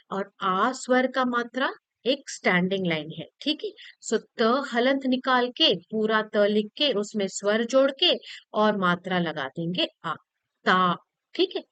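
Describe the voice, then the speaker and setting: A woman's voice: medium pitch, fairly bright tone, no room sound. A woman teacher patiently explaining a grammar lesson to children, repeating points and checking that they follow.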